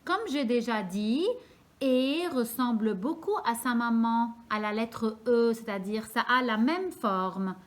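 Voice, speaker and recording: A woman teaching young children a lesson, speaking slowly and clearly and repeating each word so they can follow. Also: a little high. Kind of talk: slow, careful classroom lesson for young children.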